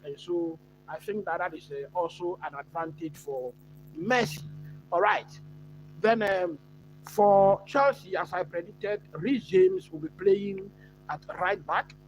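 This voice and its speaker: A man's voice: sits high, unhurried, slight background noise, poor audio. Chatty Ghanaian man hosting a live stream. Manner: chatty, answers live chat, many fillers. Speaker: watch-along host. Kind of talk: live stream football chat.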